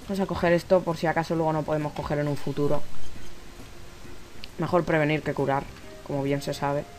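A man's voice: fairly high pitch, flat delivery, a little fast, a little mellow, faint music behind, poor audio. A man with a Spanish accent from Spain giving casual gameplay commentary, rambling, talking to himself and swearing now and then. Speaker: let's play gamer.

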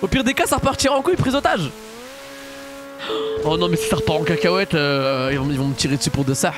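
A man's voice: a little high, lively intonation, quick pace, over loud music. A young man, talking in suburban street slang while improvising roleplay on a live gaming stream. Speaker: streamer playing GTA roleplay. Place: indoor streaming room. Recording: game car engine noise behind voice.

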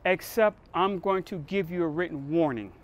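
A middle-aged police captain played by a male actor in a screen drama. His voice sits a little high for a man, and he speaks with dry, measured authority. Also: a little hiss or hum, close to an everyday voice. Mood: calm authority. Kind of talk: acted drama dialogue. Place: outdoor parking lot.

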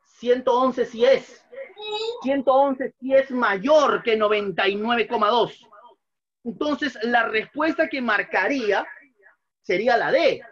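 The highs are cut off on this recording of a very high-pitched man in his thirties. He's leading an online math class at a whiteboard in a small room, patiently restating every step and asking his students questions.

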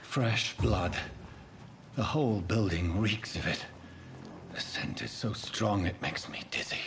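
A brooding vampire doctor from a dark video game, his deep voice low and unhurried. He sounds cold and disdainful. A steady hiss of ambient noise runs under the game audio. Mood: grim disgust.

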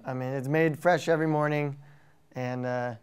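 Easygoing young American man, smooth voice. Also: medium pitch, normal speed. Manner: easygoing, relaxed, uses lots of fillers. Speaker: guest. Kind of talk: casual chat.

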